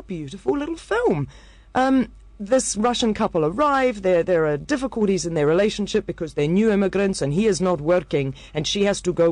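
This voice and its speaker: A woman's voice: lowish voice, a little mellow, no echo. Chatty New Zealand woman reviewing films. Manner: enthusiastic, chatty, with many fillers and restarts. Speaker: film reviewer. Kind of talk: casual radio chat.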